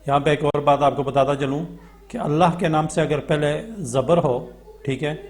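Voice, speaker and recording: Spelling out each word in a slow syllable-by-syllable chant, a Pakistani Quran teacher then rattles off the rules quickly with an Urdu accent. He speaks in a slightly high voice with fairly even intonation.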